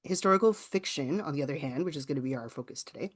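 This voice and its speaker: Talking fast with lively intonation in a medium-pitched voice, a Canadian-accented writing teacher from rural southwestern Ontario presents an informal online workshop. The delivery is conversational and aimed at explaining.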